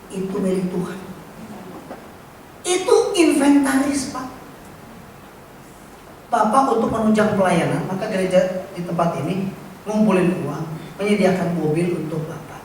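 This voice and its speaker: A man's voice: high voice, lively intonation, normal speed, pauses often, darkish tone. Playful male pastor in an echoey church. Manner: playful, teasing, asks the congregation questions. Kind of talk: sermon with a live illustration. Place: large church hall. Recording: very echoey church hall from far off, faint noise.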